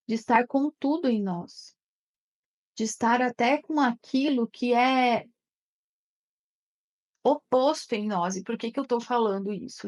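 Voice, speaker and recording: Mulher de voz aguda, tom conversado. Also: female voice, a little high. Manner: conversational, checks in with listeners often. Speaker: therapist teaching an online course. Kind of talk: live online class talk.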